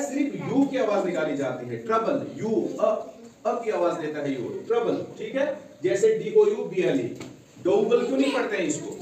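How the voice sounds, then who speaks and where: A man's voice: sits high, far from the mic. A male English teacher giving a classroom lesson, repeating each rule and quizzing the class with questions. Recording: echoey classroom recorded from afar, students audible.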